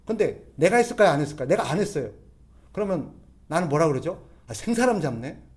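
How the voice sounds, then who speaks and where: Male pastor, sermon. Very expressive pitch that swoops up and down, chatty delivery, keeps asking the room questions. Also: fast. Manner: conversational preaching with everyday examples. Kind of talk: expository sermon.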